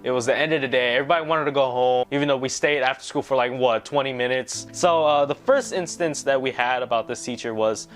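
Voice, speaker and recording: Brief: young male vlogger, casual rambling storyteller, mid-pitch, faint music under the voice. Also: fast, hardly any pauses. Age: young adult. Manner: rambling, keeps tagging "right?".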